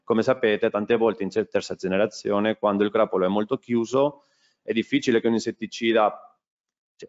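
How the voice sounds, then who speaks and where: Low-voiced man presenting in Italian. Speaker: conference speaker, agricultural product specialist. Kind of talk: conference presentation. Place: conference hall at a lectern. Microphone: lectern gooseneck microphone. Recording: dull, muffled lecture-hall sound.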